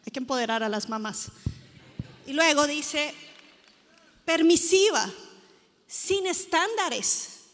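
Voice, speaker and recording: A woman pastor preaching at a conference, telling stories with lively, acted-out quotes. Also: high-pitched, slow pace, long pauses. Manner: lively storytelling, acting out quoted people. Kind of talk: sermon. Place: conference hall before a live audience. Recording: echoey conference hall.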